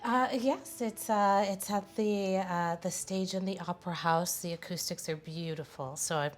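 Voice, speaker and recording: A woman's voice: on the low side, normal speed, faint music behind, close to an everyday voice. A woman playing a genteel opera singer, gracious, polite and a little hesitant. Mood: gracious, poised.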